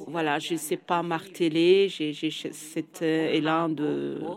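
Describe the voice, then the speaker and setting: Soft sing-song Rwandan woman, unhurried. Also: deep voice, fairly even intonation, creaky. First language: Kinyarwanda. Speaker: interviewee. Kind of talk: reflective interview talk.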